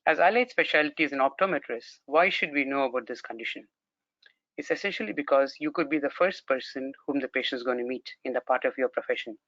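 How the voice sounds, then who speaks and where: A man's voice: mid-range voice, quick pace, bright, forceful tone, no room sound. A man from Brunei, a consultant ophthalmologist, giving a formal, courteous academic presentation, heard through a video call screen recording. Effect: captured in a video call screen recording. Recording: dry, dull lo-fi video call audio.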